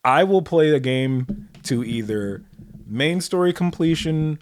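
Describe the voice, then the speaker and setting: A young man co-hosting a casual podcast, calmly explaining games and trailing off quietly. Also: fairly high pitch, slow pace. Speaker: podcast co-host. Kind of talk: casual chat.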